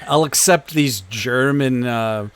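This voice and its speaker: A man co-hosting a podcast, talking slowly and easily at a middling pitch. He speaks in a laid-back, halting way, full of "uh" and "like", in casual comedic chat. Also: a crowd in the background. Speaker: podcast co-host.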